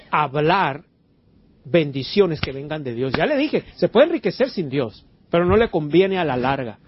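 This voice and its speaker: Husky pastor preaching. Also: male voice, a little high. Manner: preachy, asks the congregation questions, interjects amen and hallelujah. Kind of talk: sermon. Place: church before a congregation. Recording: dull lo-fi church recording.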